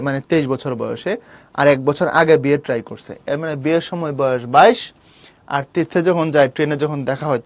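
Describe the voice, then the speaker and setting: A male teacher explains a literature text in a lively way, teasing and scolding his students directly. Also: high-pitched, dry recording. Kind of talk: online class lecture on a literature text.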